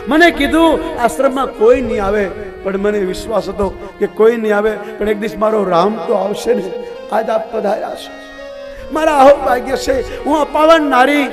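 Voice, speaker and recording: A man's voice: high voice, normal speed, close to an everyday voice. Ahalya, a pleading wronged woman, told by a male preacher. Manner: tearful, pleading, humble. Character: wronged, grieving ancient woman pleading for mercy. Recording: devotional music playing under the voice.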